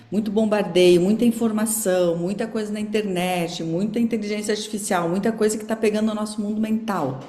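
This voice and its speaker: A woman's voice: medium pitch, darkish tone, roomy sound. Chatty Brazilian woman teaching an online class. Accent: Brazilian Portuguese. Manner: casual, chatty, with many fillers. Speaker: course teacher.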